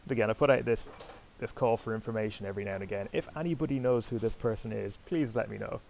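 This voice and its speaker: Gravelly-voiced man commentating a sailing game. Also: on the low side, fast, a little mellow, slight background noise, rough recording. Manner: chatty, self-deprecating, talks to viewers. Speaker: host commentating online sailing races.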